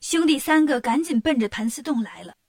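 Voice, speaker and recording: High-voiced woman storyteller. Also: brisk, no room sound, clean studio sound. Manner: lively, expressive. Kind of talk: children's story narration.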